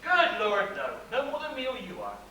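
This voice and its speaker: An actor playing a friendly, folksy railway porter in an amateur stage play. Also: male voice, extremely high pitch, huge pitch swings, normal speed, pushed and bright, heavily acted. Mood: chatty. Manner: homely, folksy, a bit teasing. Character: friendly older male railway porter, chatty. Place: theatre stage. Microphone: distant audience recording. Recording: echoey hall from far off, noisy.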